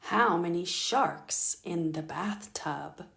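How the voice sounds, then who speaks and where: A fairly low, creaky female voice belongs to a librarian reading picture books to preschoolers and pausing to ask the children questions. Her storytime delivery is gentle and deliberate.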